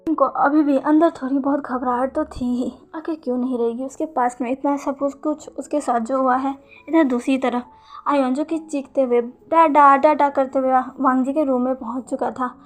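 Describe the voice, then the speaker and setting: A young woman telling a fan-fiction story aloud in an informal, halting way with frequent restarts. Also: sits high, fairly even intonation, darkish tone, soft background music.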